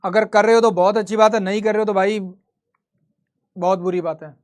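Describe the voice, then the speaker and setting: A man's voice: sits high, fairly even intonation, brisk. A man teaching history in a live online class. He talks conversationally, quizzes his students and answers his own questions.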